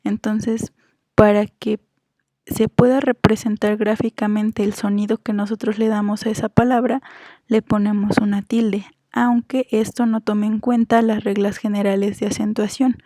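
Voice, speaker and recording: A woman's voice: medium pitch, little pitch movement, moderate pace, mellow, dry recording. A woman teaching a grammar lesson, patiently explaining rules and stretching out example words one by one. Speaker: Spanish teacher.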